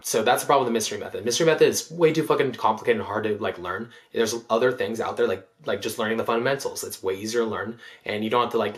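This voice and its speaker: Male dating coach, quick and profane, rambling commentary voice. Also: fairly low pitch. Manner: rambling, filler-heavy, swears a lot. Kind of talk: casual reaction commentary.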